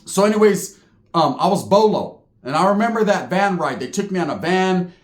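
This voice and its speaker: A man's voice: high voice, lively intonation, moderate pace, echoey room. A man telling a story about his time in prison, streetwise and profane, full of slang and asides. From California. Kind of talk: casual storytelling.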